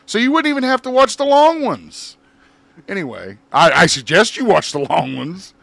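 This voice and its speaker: A man's voice: sits high, animated, normal speed, vocal fry, fairly bright tone, dry recording. A man co-hosting a casual podcast, laughing often and swearing freely while reading out entertainment news. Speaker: podcast co-host. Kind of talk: casual chat.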